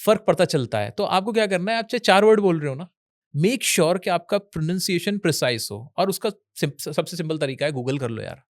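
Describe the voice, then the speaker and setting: A man's voice: a little high, lively intonation, fairly quick, no room sound, studio quality. A young man from India, a guest on an interview show, giving casual advice and mixing Hindi with English. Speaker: educational YouTuber guest. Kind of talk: casual Hinglish interview talk.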